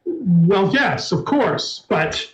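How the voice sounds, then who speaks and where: A man voicing a booming, forceful changeling king who roars and pushes for war. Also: lively intonation, very slow, exaggerated voice, rough recording. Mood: insistent. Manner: roaring, pompous.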